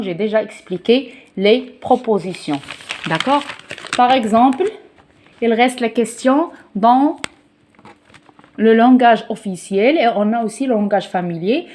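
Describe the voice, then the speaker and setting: A woman's voice: mid-range voice, a little mellow. A Moroccan woman teaching a beginners' French lesson, a native Arabic speaker with a Moroccan accent, patiently repeating examples and often checking for understanding.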